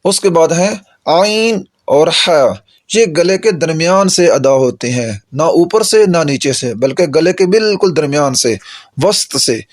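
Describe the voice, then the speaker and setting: A man's voice: on the high side, expressive, no echo, clean studio sound. A man teaching Quran pronunciation, patiently drawing out and repeating each letter for his students to practise. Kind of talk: tajweed lesson.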